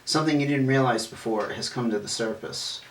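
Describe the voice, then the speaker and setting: A man's voice: mid-range voice, a little fast, far from the mic. Chatty man reading tarot in an echoey room. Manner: chatty and reassuring, with sudden exclamations at cards; trips over words and restarts. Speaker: tarot reader. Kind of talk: casual monthly tarot reading.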